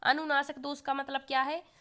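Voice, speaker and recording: A woman's voice: high voice, level tone, normal speed, bright, forceful tone. A woman teaching an exam-prep lesson who keeps putting questions to the learners and then answering them herself, with a cough now and then.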